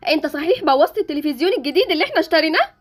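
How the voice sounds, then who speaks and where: A woman's voice: high-pitched, sing-song, racing, soft background music. A woman playing a scolding Egyptian mom. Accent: Egyptian Arabic. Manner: scolding, mocking. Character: scolding mother, sharp-tongued and impatient. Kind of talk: Roblox story drama.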